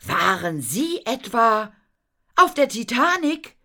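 A woman voicing an eager young girl who speaks quickly. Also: fairly high pitch, sing-song, bright, forceful tone, pitched above the performer's own voice, heavily acted.

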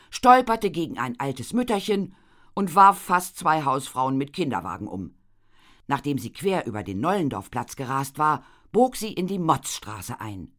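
A man reading a children's adventure novel aloud as an expressive audiobook narrator. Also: mid-range voice. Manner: lively storytelling, voices for characters.

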